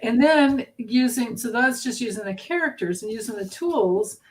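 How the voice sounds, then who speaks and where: A woman's voice: on the high side, normal speed. A woman reading cards in a casual group chat, rambling and restarting. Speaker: card reader.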